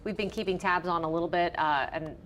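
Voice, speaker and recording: Lower-voiced female election news anchor. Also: fairly even intonation, fast talker, a bit bright, a little hiss or hum. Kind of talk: live election results coverage.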